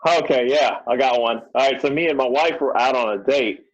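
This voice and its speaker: A man telling stories as a guest on a podcast, in a relaxed, easygoing way. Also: mid-range voice, fairly quick. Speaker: podcast guest, real estate investor. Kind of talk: casual interview chat. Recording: dull lo-fi sound.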